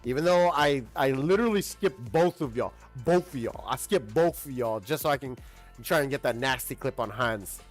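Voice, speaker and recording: A man streaming a shooter game, commenting casually and shouting when he gets killed. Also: medium pitch, normal speed, faint music behind. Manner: excitable, yelling at sudden kills. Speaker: livestreaming gamer.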